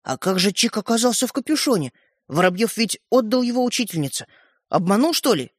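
A man playing an eager curious boy, high, lively, storybook reading. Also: a little fast, dry recording, clean studio sound. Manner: eager, questioning. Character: curious excitable young boy.

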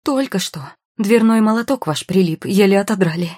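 Storybook: woman voicing a frantic young mother, shrill and breathless, dry husky tone. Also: expressive, moderate pace, a little mellow, dry recording, close to an everyday voice. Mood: flustered.

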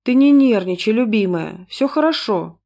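A woman's voice: on the high side, lively intonation, moderate pace, creaky, dark tone. A woman doing a falsely caring young husband. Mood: placating. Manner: soothing, placating. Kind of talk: audiobook character reading.

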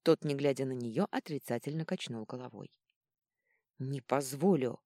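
Low warm woman narrating an audiobook. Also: a little fast, no echo, clean studio sound. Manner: expressive storytelling.

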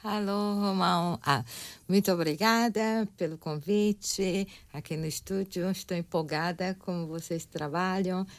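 A woman's voice: fairly low pitch, unhurried. A woman visiting a radio studio as a guest, talking in a friendly, casual way with many short interjections.

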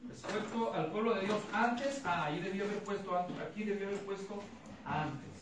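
Recorded from afar in an echoey, noisy room, a high-pitched man speaks at normal speed. Leading a Bible study as pastor, he preaches an expository sermon with anecdotes, quizzing the congregation, echoing their replies, and performing voices in his stories.

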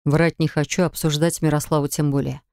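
A woman reading first-person audiobook narration in a measured, even way. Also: sits low, clean tone, no echo, clean studio sound.

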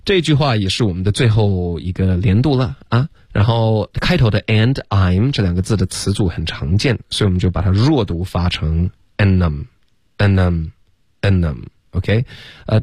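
A man's voice: fairly low pitch, darkish tone, no echo, clean studio sound. A male teacher on a radio English lesson who drills sounds by repeating them and mixes English into his Chinese.

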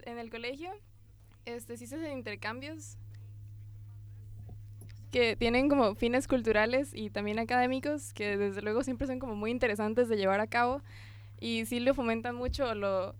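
A woman's voice: fairly high pitch, clear, resonant tone, dry recording. A teenage girl from Costa Rica with a Costa Rican accent, a guest exchange student answering interview questions in a school radio studio, hesitant and full of fillers. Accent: Costa Rican Spanish. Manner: hesitant, many fillers, laughs often. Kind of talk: casual interview.

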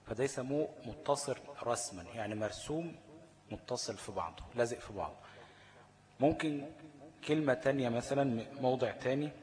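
A man with an Egyptian accent teaching Quran recitation rules. He reads definitions slowly, then explains them in colloquial speech and keeps asking his students check-in questions. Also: mid-range voice. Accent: Egyptian Arabic. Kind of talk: explanatory lesson. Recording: long hall reverb.

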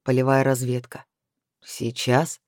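A woman voicing a sleepy, irritable young man who answers curtly and gruffly. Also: mid-range voice, fairly even intonation, normal speed, mellow, dry recording, studio quality, voice pushed down, lightly acted. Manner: curt, gruff.

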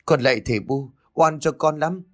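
A man's voice: medium pitch, big pitch swings, brisk, soft background music. A man voicing a wronged young daughter-in-law, pleading and swearing a solemn oath.

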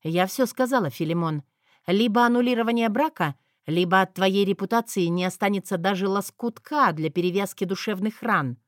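A woman voicing a sharp-tongued, defiant young heroine. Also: mid-range voice, normal speed, no room sound, studio quality, natural voice. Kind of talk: audiobook character voice.

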